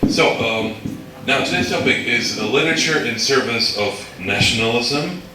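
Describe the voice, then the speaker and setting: A man's voice: mid-range voice, expressive, moderate pace, bright, forceful tone. A man from Slovakia, giving a university lecture and explaining step by step while checking in with his listeners. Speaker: guest lecturer. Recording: echoey hall, distant mic, background noise.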